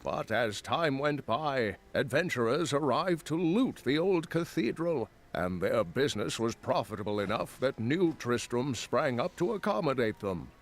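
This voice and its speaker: A man's voice: mid-range voice, very animated, measured pace, hardly any pauses. An actor playing a male chronicler, narrating scripted town lore in a fantasy video game. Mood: storytelling.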